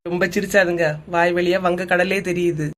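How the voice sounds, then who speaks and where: A woman's voice: lowish voice, flat delivery, a little fast, a little hiss or hum, natural voice. A woman voicing a teasing woman in a cartoon comedy, with a Kanyakumari Tamil accent, making dry, mocking remarks.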